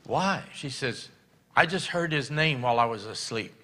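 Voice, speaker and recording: A man's voice: mid-range voice, animated, moderate pace, sharp tone. An older man, a pastor, telling a story in a sermon and acting out the voices of the people in it.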